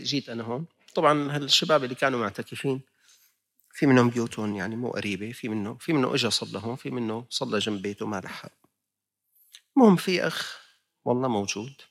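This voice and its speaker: A man's voice: medium pitch, gravelly, fairly bright tone. A man with a Levantine Arabic accent preaching a sermon in a conversational storytelling way, full of rhetorical questions.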